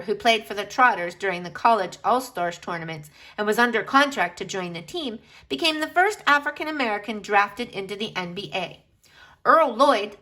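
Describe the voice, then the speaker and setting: A woman with a voice on the high side reads a children's book aloud, expressive and emphatic, drawing out key words for young listeners.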